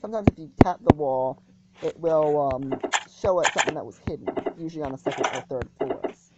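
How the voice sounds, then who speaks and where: A gaming channel host talks through a casual gameplay walkthrough in a low-pitched, fairly quick voice. She sounds hesitant, with lots of ums and restarts. The audio is dull and lo-fi, with loud noise.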